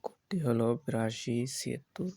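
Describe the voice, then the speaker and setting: A man hosting a screen-recorded tech tutorial, walking viewers through each step slowly with many fillers. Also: mid-range voice, expressive, gravelly, mellow, dry recording. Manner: slow step-by-step instructions with fillers. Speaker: tutorial host.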